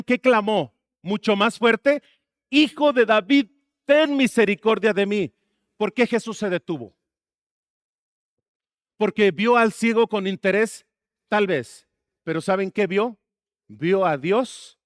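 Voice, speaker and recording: A man's voice: high-pitched, dry recording, clean studio sound. A man preaching a sermon as pastor, asking the congregation questions and slipping in jokes. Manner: asks the congregation questions and jokes between points.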